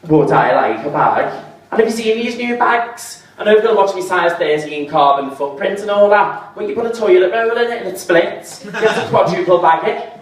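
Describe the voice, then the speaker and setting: A man doing a stand-up set, deadpan at times and rising into exasperated rants. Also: high-pitched, brisk, few pauses. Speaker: stand-up comedian. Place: comedy pub venue with audience. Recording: echoey room, voice from far off.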